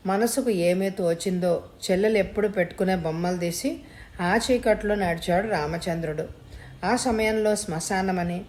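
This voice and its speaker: A woman narrating a story in a steady, measured way. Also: lowish voice. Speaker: audiobook narrator.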